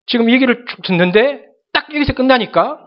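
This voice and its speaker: A man's voice: very high voice, lively intonation, fairly quick, dull audio. A male pastor preaching a sermon, speaking dramatically and addressing the congregation directly.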